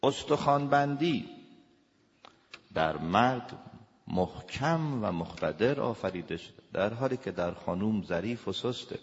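A man lecturing as a family counselor, talking in a lively way and acting out little dialogues with raised voices. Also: on the low side. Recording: dull lo-fi recording with long reverb.

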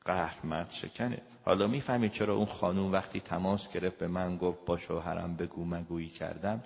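A man giving a lecture as a family counselor. He talks emphatically, swinging between loud raised lines and low, quiet asides. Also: fairly even intonation, gravelly, in a large hall, dull audio. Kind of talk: lecture to an audience.

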